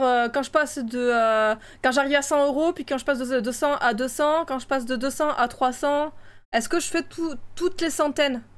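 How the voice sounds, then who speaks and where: A woman streamer chatting casually with her viewers, laughing often and full of fillers and restarts. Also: high voice. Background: faint music.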